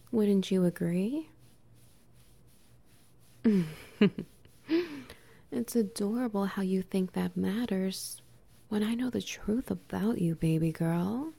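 A young adult woman whispering softly and teasingly in an intimate audio roleplay, with quiet laughs between phrases. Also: mid-range voice, a little slow, vocal fry, slightly rough.

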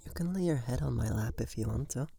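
A man in an ASMR role-play as a tender, soothing boyfriend, murmuring sweet nothings in a soft, breathy voice. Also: mid-range voice, expressive, fast, soft background music.

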